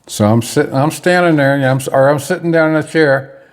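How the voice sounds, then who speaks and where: A man's voice: on the high side, brisk. A man telling a personal story in a casual, rambling way, often stopping to correct himself mid-sentence. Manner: rambling, with restarts and self-corrections.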